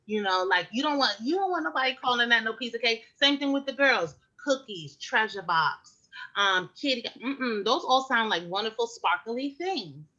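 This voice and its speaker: Woman health educator, casual and candid, bright tone, muffled lo-fi capture. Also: a little high, brisk, few pauses. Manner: animated, frank, with many fillers and rhetorical questions. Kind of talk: casual conversational advice. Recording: muffled lo-fi recording.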